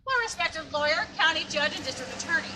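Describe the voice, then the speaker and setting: A woman's voice: extremely high pitch, lively intonation, fast talker. A woman guiding a ghost tour, telling local haunting stories to a group. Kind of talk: guided tour storytelling to a group. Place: among a tour group in a noisy public spot. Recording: echoey, far mic, loud crowd noise.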